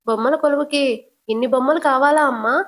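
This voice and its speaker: A woman voicing a mild, fair-minded older father-in-law in a retold TV serial, gently reproachful. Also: sits high, fast talker, natural voice.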